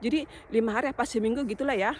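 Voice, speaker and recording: A woman from Indonesia talks straight to her viewers in a loose, chatty vlog, leaning on small filler words as she tells a story. Her voice sits fairly high for a woman. A faint noise runs underneath. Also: racing. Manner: chatty, addresses viewers directly with many fillers. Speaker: vlogger.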